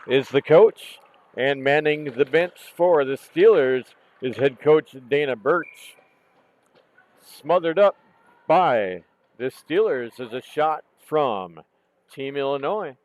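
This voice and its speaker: A man calling a junior women's hockey game play by play, hoarse from losing his voice, calm and unhurried, correcting himself now and then. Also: on the high side, rough recording. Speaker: play-by-play commentator. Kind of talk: live hockey commentary. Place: outdoor rink in cold weather.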